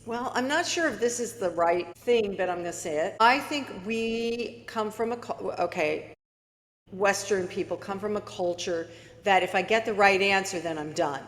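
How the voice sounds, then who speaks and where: A woman's voice: mid-range voice, moderate pace, long reverb tail. A woman who is a guest author on a podcast, talking in an earnest coaching way and often addressing listeners directly. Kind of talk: casual interview talk.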